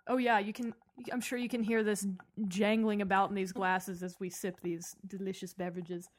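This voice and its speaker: A woman at a mid pitch joins a podcast as a guest in a home studio. She talks with eager enthusiasm and reacts quickly to the host. Her tone stays easy and conversational. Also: flat delivery. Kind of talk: casual chat.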